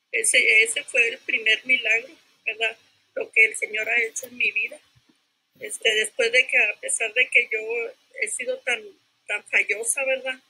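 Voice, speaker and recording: An older woman giving her personal testimony in a church class. She speaks haltingly, repeats herself and keeps adding tag questions. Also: a little high, sharp tone, breathy edge, low-quality recording.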